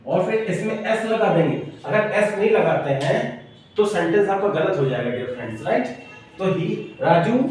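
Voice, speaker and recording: A man teaching English grammar in a classroom lesson, explaining step by step, spelling words letter by letter and checking in with his listeners. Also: high voice. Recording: very echoey room, mic far off.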